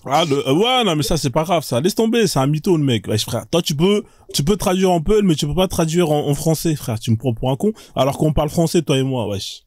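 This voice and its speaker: A man hosting a live stream, chatting casually and laughing loudly as he mimics the people he quotes. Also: a little high, lively intonation, brisk, hardly any pauses, no echo, clean studio sound. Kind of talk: casual chat.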